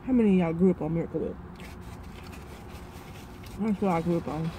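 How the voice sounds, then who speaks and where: A woman's voice: on the low side, brisk, noisy background. Young woman chatting with her mouth full. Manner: rambling, filler-heavy, addresses viewers as y'all. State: talking while chewing food. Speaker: vlogger. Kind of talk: casual mukbang vlog chat.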